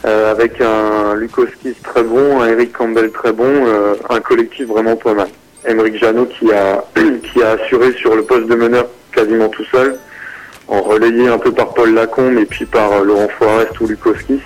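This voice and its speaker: A man's voice: lowish voice, level tone, normal speed, low-quality recording. A man calling in over the phone as a basketball consultant, giving casual sports analysis with many hesitations and restarts.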